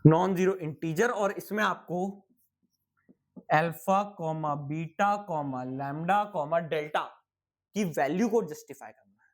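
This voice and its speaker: A man's voice: a little high, measured pace. A young man teaching physics in a casual, chatty exam-prep lecture, asking and answering his own questions and sounding tired.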